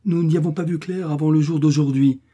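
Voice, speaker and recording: A man's voice: on the high side, fairly even intonation, fairly quick, warm tone, breathy edge, voice pushed up. A man reading aloud as a humble young farmer who apologizes earnestly. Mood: apologetic.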